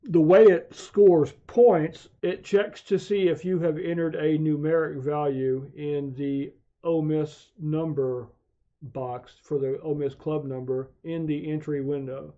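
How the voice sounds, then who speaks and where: An amateur radio hobbyist narrates a software walkthrough for a screen tutorial from his home radio shack. His very dark, mellow voice sits at a medium pitch with fairly even intonation, moving slowly and methodically, and the track is dull, muffled, and lo-fi.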